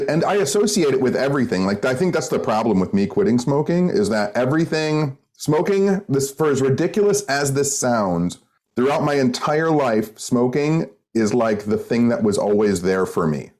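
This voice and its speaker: A man's voice: mid-range voice, a little mellow. A man hosting a podcast in casual chat, candid and swearing offhandedly. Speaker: podcast host.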